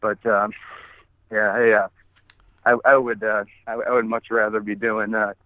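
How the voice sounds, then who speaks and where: A man's voice: fairly low pitch, little pitch movement, a little slow, no room sound. A man in his forties calling in by phone while walking his dog, talking casually with many restarts and plenty of swearing. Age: 40s. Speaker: guest app founder. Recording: tinny phone line.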